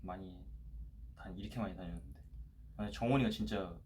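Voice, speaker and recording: A man in his twenties co-hosting a livestream, chatting casually in a relaxed, halting way with lots of fillers. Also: low-pitched, slight background noise. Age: 20s. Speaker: livestream co-host. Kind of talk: casual chat.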